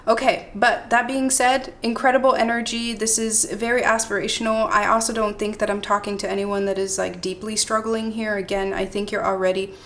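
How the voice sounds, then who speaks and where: A woman's voice: medium pitch, little pitch movement, a little fast, few pauses, a bit bright, slight background noise. A woman giving a pick-a-card tarot reading in a loose, digressive monologue, often checking in with the listener. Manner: digressive, checks in with "right?" and "okay?". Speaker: tarot reader.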